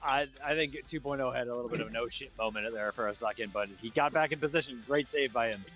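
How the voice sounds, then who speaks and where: An American man adds easygoing color commentary to an amateur floor hockey stream, praising passes and relaying what he overhears from the bench. His voice sits at an ordinary middle pitch, and he talks in a loose, chatty way. Faint music runs underneath. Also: fast talker, rough recording. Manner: relaxed analysis with fillers and restarts. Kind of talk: amateur live sports commentary.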